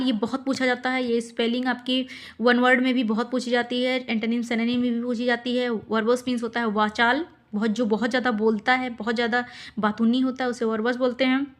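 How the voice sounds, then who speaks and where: A woman teaching difficult English words to exam students, patiently repeating each word and its meaning and spelling it out letter by letter, with frequent pauses and fillers. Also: high-pitched, fairly bright tone. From India.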